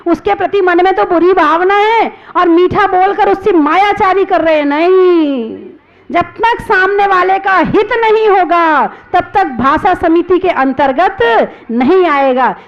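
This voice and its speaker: A woman, a Jain nun, preaching a sermon, chanting verses slowly and explaining them with rhetorical questions. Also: extremely high pitch, highs cut off. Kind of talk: religious sermon.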